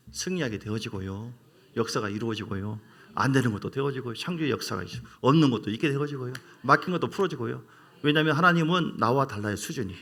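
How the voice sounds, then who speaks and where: A middle-aged male pastor delivers a sermon in a gravelly voice at a middling pitch. He preaches in a lively, playful way, often leaping up in pitch for emphasis.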